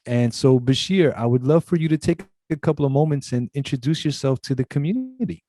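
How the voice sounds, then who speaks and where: A man's voice: mid-range voice, expressive, fairly quick, warm tone. A man hosting a college talk show, giving earnest, formal introductions over a video call. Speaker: show host.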